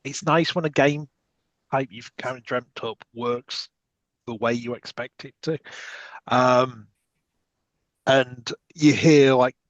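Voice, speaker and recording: A British man hosts a relaxed podcast, rambling through his explanations with frequent ums. His mic sounds a bit dull and lo-fi. The room is dry, with no echo. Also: mid-range voice, slow, long pauses. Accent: British English. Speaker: podcast host. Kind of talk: casual chat.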